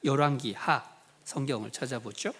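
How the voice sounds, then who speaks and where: A man preaching a sermon as pastor, telling a story with acted quotes and lively bursts of emphasis. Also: medium pitch, normal speed, husky.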